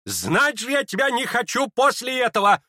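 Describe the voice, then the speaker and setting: A man's voice: very high-pitched, huge pitch swings, normal speed, sharp tone, no echo, clean studio sound, voice pushed up, full character voice. A man reading an audiobook and voicing a hot-tempered older woman who scolds shrilly and indignantly. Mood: furious.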